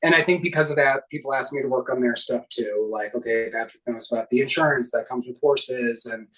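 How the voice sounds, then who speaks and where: Relaxed male guest, laughs easily, heard a little off-mic. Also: mid-range voice, fairly quick, far from the mic, rough recording. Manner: easygoing, laughs often. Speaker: guest, filmmaker. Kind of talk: casual interview chat.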